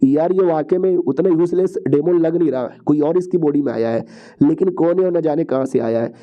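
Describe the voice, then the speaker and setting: A man's voice: a little high, brisk. A man narrating a comic-book story recap in a chatty, slangy way, often repeating phrases. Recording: dull lo-fi recording.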